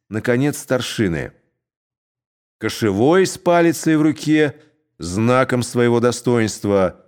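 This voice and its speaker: A man narrating a classic tale as an audiobook, in an expressive, unhurried way. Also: mid-range voice.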